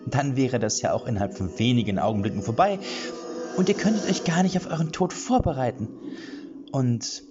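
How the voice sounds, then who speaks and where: A cackling fairy-tale witch, put on by a male narrator, pitched high above his own voice and swinging wildly up and down. She taunts her captives with theatrical relish. Background music plays beneath slightly muffled, lo-fi audio. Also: expressive, fairly quick, natural voice. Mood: gloating glee. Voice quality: high, sing-song and cackling. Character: gleeful cruel female witch, boastful and mocking.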